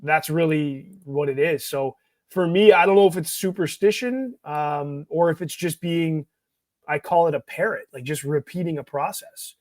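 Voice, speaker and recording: A man's voice: a little high, expressive, moderate pace, a little mellow, no room sound. A man co-hosting a casual sports podcast, talking in bursts and repeating words as he thinks. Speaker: podcast co-host.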